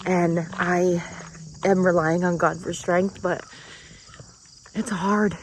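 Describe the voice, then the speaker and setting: Tearful woman in her forties, low-voiced. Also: level tone, slight background noise, low-quality recording. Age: 40s. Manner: earnest, halting, heartfelt. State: crying. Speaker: vlogger. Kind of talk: emotional personal vlog.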